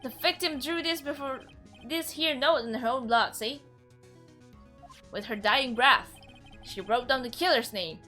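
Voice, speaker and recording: A woman voicing a gruff, blustering male police detective with a put-on Southern drawl, loud and barking. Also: high voice, measured pace, long pauses, soft background music. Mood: accusing. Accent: put-on American Southern. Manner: loud, barking, tacks on "see?".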